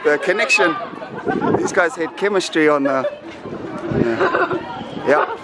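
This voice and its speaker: Laid-back man vlogging in loud crowd noise. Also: on the high side, measured pace. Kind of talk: casual vlog chat. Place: mostly outdoors in noisy public places. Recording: noisy outdoor crowd and traffic ambience. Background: crowd and street noise.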